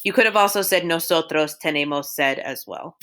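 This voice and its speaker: A woman's voice: low voice, fairly quick, a bit bright. A woman teaching Spanish over a recorded slideshow, steadily drilling verb forms one by one.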